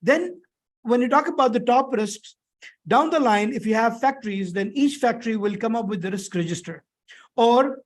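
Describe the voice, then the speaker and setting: An instructor with a very high voice speaks at normal speed, sounding thick and strained from a sore throat. His online or classroom lecture is explanatory and conversational, and he repeats himself. He often asks short tag questions to confirm students understand.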